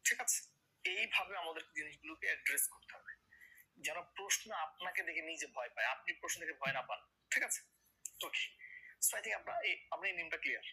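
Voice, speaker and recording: Male teacher with a Bangladeshi accent, very bright, husky tone, repeats key words, tinny phone-like recording. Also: on the high side, quick pace. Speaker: English grammar teacher. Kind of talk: classroom lecture.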